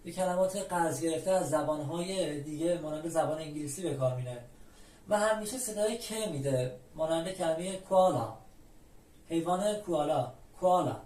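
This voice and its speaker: A language teacher from Iran explains letters patiently and methodically, repeating each example word slowly and clearly. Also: mid-range voice, a little mellow. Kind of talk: explaining the Spanish alphabet step by step. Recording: roomy, from a distant mic.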